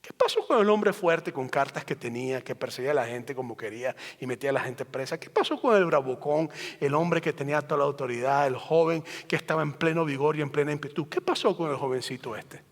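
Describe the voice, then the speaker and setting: A man's voice: fairly high pitch, fast talker, hardly any pauses. A man pastor delivering a sermon, emphatic and rhetorical, building his points through repeated phrases. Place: church sanctuary. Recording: long hall reverb.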